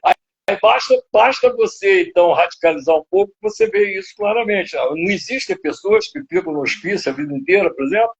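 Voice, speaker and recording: Rambling older man with gravelly voice. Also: sits high, very animated, a little fast. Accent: Brazilian Portuguese. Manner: rambling, lots of fillers and tag questions. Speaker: psychoanalyst guest. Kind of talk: live interview, lecturing. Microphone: video call. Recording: dull lo-fi web stream audio.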